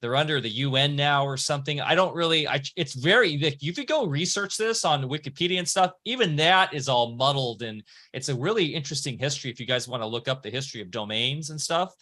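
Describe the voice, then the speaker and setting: This podcast host's voice is slightly high, bright and pushed, and he talks fast and expressively with hardly any pauses. Chatting casually, he rambles along, often breaking off to restart or fix what he's saying mid-sentence.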